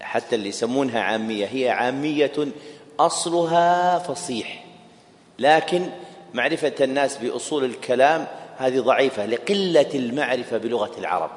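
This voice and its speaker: Man, teacher, explains and repeats phrases, quizzes listeners, middle pitch, roomy hall echo. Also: expressive, moderate pace. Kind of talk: classroom lecture. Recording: echoey hall with long reverb.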